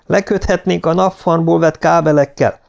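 Narrator doing a joking astronaut guy, out of breath, gravelly. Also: fairly high pitch, steady tone, darkish tone, pitched above the performer's own voice. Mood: breathless. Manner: wisecracking, panting.

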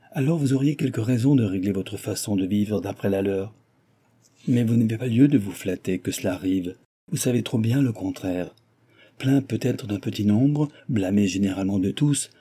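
A man voicing an earnest young woman, a gentle but firm heiress, pleading with a friend. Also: fairly low pitch, breathy edge.

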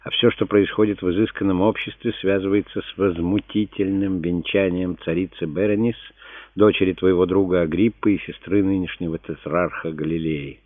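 A man reading a historical novel aloud as narrator, in a steady, measured way. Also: low voice, dry recording. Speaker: audiobook narrator. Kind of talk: scripted narration. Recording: dry, phone-like narrow sound.

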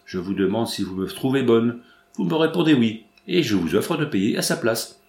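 A frank, eager young woman presses her questions one after another, as a man reads her lines in his own middle-pitched voice. The room around the voice sounds open and roomy. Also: big pitch swings, normal speed, creaky, a little mellow. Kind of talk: audiobook dialogue reading.

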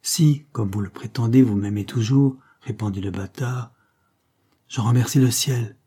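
A man's voice: medium pitch, measured pace, dark tone, husky. A man voicing a proud, scornful exiled nobleman with a biting, contemptuous delivery in a read-aloud novel.

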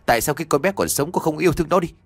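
A man's voice: a little high, lively intonation, no room sound, pitched above the performer's own voice. A man voicing a stern, angry father who scolds his wife in an audio story. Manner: scolding, fast.

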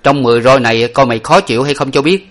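A man's voice: mid-range voice, fast, fairly bright tone, voice pushed up, close to an everyday voice. A man voicing a stern young male master who scolds his servant. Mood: scolding.

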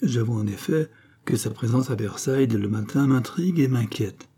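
A man's voice: mid-range voice, normal speed, mellow, husky. A man reading a novel aloud, voicing a proud, imperious queen in a haughty, commanding way.

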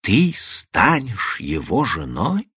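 A man's voice: medium pitch, sing-song, normal speed, pushed and bright, dry recording, studio quality. A male reader voicing a sarcastic, hot-tempered older father in an audiobook, mocking and then thundering at his daughter. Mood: outraged. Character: stern older Irish-American father, sarcastic, furious.

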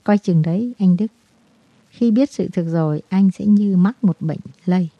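A woman's voice: medium pitch, dry recording, highs cut off, close to an everyday voice. Woman reading as guilt-ridden despairing man. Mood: confessional. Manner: brooding, halting confessional.

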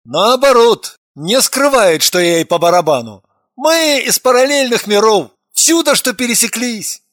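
A woman's voice: on the high side, animated, a little slow, no echo, clean studio sound, voice pushed up. A woman reading an audiobook, voicing a touchy, defensive young man who answers curtly and sulkily. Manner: curt, defensive, sulky.

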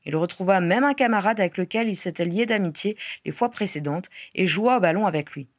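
A woman narrating a fan-written novel in a measured, expressive storytelling voice. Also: medium pitch, no echo. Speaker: audiobook reader. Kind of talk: scripted narration.

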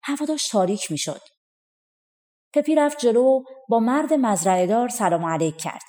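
A woman reading a folk tale audiobook in a gentle storytelling manner. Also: on the high side, expressive. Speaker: audiobook reader.

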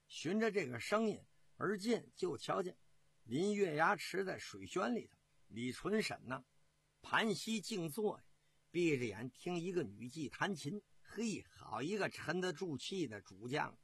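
Husky male storyteller, lively telling. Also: a little high. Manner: lively, rhythmic, with drawn-out fillers. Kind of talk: traditional storytelling.

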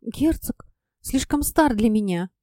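A woman's voice: fairly high pitch, animated, slow, dark tone, dry recording, clean studio sound. A woman voicing a frightened, tearful young noblewoman who speaks in a thin, trembling voice. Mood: pleading.

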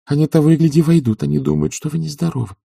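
A man voicing a hurried young maid in an audiobook. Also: on the high side, gravelly, mellow, husky, no echo, clean studio sound, pitched above the performer's own voice, exaggerated voice. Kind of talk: audiobook character reading.

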